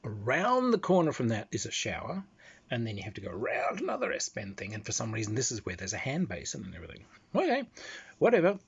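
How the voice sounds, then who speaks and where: An Australian man tells casual anecdotes in a loose, animated way, and his pitch swings widely. His voice is husky. The recording is dull and lo-fi. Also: fast talker. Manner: animated, laughing often, loose storytelling. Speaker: guest telling convention anecdotes.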